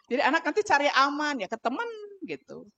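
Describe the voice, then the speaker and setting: A woman's voice: high-pitched, big pitch swings, normal speed, sharp tone, muffled recording. A woman with a Sundanese accent giving a parenting talk at a mosque, telling stories and acting out mother and child voices. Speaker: parenting speaker.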